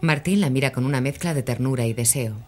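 A narrator reading scripted audio description for a film in an even, measured way. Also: medium pitch.

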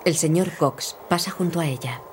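A narrator reading scripted audio description in an even, neutral voice. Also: mid-range voice, normal speed, noisy background.

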